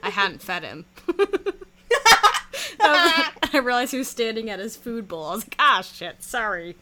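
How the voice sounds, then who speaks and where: Lively, laughing young woman co-host. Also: a little high, moderate pace, a little hiss or hum. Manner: laughs a lot, lively reactions. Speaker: podcast co-host. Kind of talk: casual chat.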